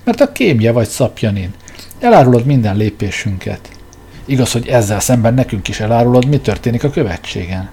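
A man's voice: mid-range voice, very animated, slight background noise. A man reading aloud, voicing a proud exiled king who lectures and scolds his hangers-on in a declamatory way. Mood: mocking. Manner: declamatory, scornful, forceful.

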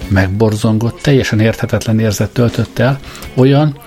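A man narrating an audiobook in a dry, measured storytelling manner. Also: lowish voice, darkish tone, faint music behind.

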